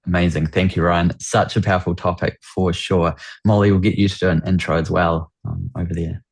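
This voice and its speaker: Low-voiced and slightly rough, with vocal fry, this New Zealand-accented man speaks briskly and flatly while running a business workshop on a video call. He keeps the webinar upbeat, eagerly greeting attendees and heaping on repeated welcomes and compliments.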